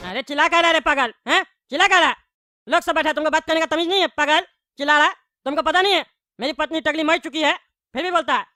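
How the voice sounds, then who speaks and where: A woman's voice: sits high, fast, sharp tone, no room sound, studio quality. Woman voicing a rude bald cartoon politician. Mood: angry. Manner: insulting, threatening rants. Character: bald widowed politician man, rude and hot-headed. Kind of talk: cartoon voice acting.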